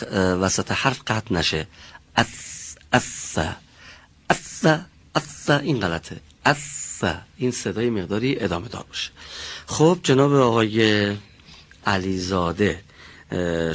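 A man teaching pronunciation in a classroom, patiently drilling single sounds and correcting students. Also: on the low side.

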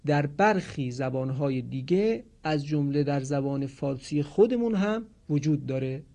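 Man teaching Quran recitation rules. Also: fairly high pitch. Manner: explains calmly, then chants examples slowly and drawn out. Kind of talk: teaching lesson with slow recited examples.

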